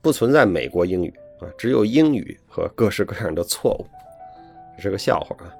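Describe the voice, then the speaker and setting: A man's voice: fairly low pitch, lively intonation, brisk, vocal fry, husky. Chatty man a lilt. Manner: chatty, folksy, adds friendly tag questions. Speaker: speaker giving language-learning advice. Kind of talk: scripted advice talk to young learners. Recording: soft piano music behind the voice.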